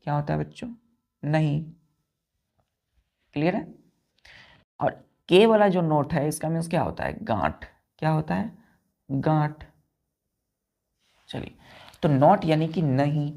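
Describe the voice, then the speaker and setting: Slow, gravelly-voiced Indian woman teacher. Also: low-pitched, animated, warm tone. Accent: Indian English. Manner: slow, spells words letter by letter, often asks "clear?". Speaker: English teacher. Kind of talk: classroom vocabulary lesson.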